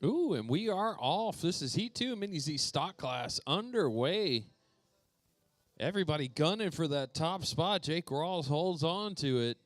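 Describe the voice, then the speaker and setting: Man, RC race announcer, playful and joking, lively swinging pitch, dry close sound. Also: measured pace, no echo. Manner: playful, joking, calls out drivers by name. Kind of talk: live race commentary. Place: indoor RC racetrack.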